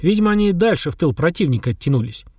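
A man's voice: a little high, sing-song, racing, darkish tone, no echo, clean studio sound, voice pushed up. A man reading the part of a stern, commanding older army general, with a curt and authoritative manner. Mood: thoughtful.

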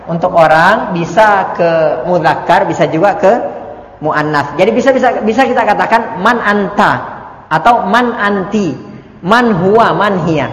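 Guy teaching arabic class, kinda high voice, laughs a lot, patient, acts out little back-and-forths, echoey hall sound. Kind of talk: religious study lesson. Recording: echoey room recording.

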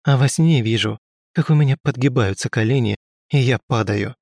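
A man's voice: mid-range voice, moderate pace, darkish tone, no echo, studio quality, natural voice. A man voicing an anxious young grand duke who speaks in an earnest, pleading way.

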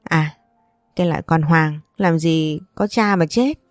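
A woman voicing a furious, foul-mouthed old grandmother who curses and scolds, with soft music behind. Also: a little slow, no room sound, studio quality. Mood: scornful. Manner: cursing, shrill scolding.

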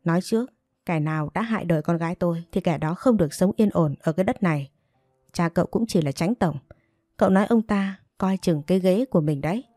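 A woman's voice: lowish voice, fairly quick, mellow, no echo, clean studio sound, soft background music, lightly acted. A woman voicing a stern, angry male provincial mandarin who threatens and stresses each word. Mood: stern threatening.

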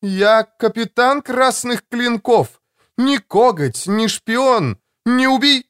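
A man's voice: high-pitched, animated, moderate pace, clear, resonant tone, pitched above the performer's own voice. A man reading an audiobook, voicing a blunt, proud female army captain in a raised, clipped, insistent voice. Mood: curt, demanding. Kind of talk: audiobook character voice.

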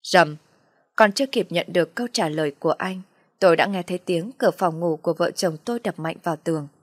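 A woman narrating a first-person family drama in a soft, sorrowful storytelling voice. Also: on the low side, a little fast, husky, no room sound, clean studio sound.

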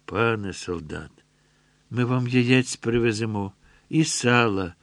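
A man voicing a frightened village woman who pleads in a hurried voice. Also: mid-range voice, no room sound. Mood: pleading.

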